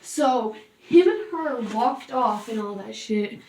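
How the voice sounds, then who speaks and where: A young woman tells a storytime vlog about her ex in a blunt, sassy way, swearing casually. Her voice sits fairly high and she takes her time, drawing out the telling. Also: animated, slow pace, darkish tone, reverberant, distant mic, slight background noise. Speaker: vlogger. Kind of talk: storytime monologue.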